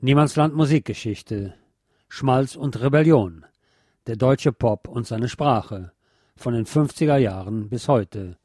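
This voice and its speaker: Narrating a scripted music history piece for radio, this man speaks slowly in a soft, mellow mid-range voice. The sound is close and dry, with no room ambience at all.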